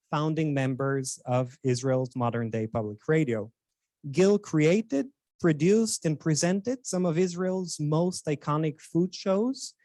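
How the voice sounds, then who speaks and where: A man delivers a formal introduction in a somewhat high voice. He speaks hesitantly, full of fillers and restarted phrases. The sound is dry and close. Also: dark tone, no room sound. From Bulgaria. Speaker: Hebrew instructor introducing a guest speaker.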